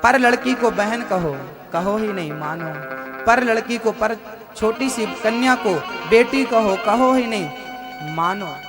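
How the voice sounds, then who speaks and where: A man's voice: very high voice, measured pace, music in the background. A man preaching a devotional sermon, asking rhetorical questions and repeating phrases for emphasis.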